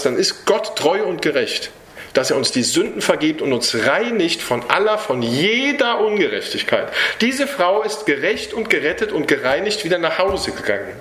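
A man's voice: on the high side, fairly bright tone. A man preaching an earnest evangelistic sermon to an audience in a hall, talking directly to listeners, then leading a prayer. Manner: earnest, direct, speaks to listeners with tag questions. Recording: echoey hall.

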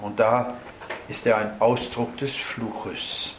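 A man's voice: medium pitch, level tone, slow pace, slight background noise. A man giving a Bible teaching sermon in German, explaining verse by verse and checking in with his listeners. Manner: explanatory, adds tag questions "nicht?". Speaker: preacher. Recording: roomy hall with faint ambience.

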